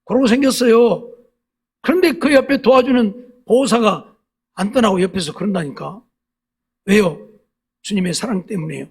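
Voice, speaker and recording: Husky high-voiced pastor preaching. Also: male voice, moderate pace, long pauses, a little mellow. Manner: storytelling, acting out quarrels, rising to emphatic preaching. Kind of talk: sermon. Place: church sanctuary.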